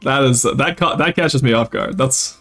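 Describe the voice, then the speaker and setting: A streamer's medium-pitched, slightly bright voice moves at a moderate pace over faint music. He's a young French Canadian man from Quebec, Canada, with a light Québécois accent, who chats casually with viewers while playing a strategy game, reading and answering chat in a chatty way during this casual gameplay livestream.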